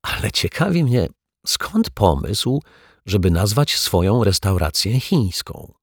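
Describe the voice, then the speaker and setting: A man plays a fussy storybook detective who keeps asking bewildered questions, his deep voice husky and rough at the edges. The lines rise and fall in lively curves, recorded close and dry. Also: slow, no room sound, full character voice. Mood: skeptical. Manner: puzzled, inquisitive questioning. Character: curious, fussy male detective, quietly bewildered.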